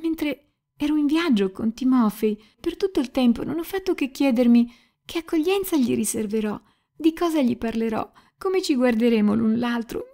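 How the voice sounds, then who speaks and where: Passionate young woman in tears, pleading, emotional, mellow higher voice, as a female audiobook reader puts her on. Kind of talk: dramatic audiobook reading.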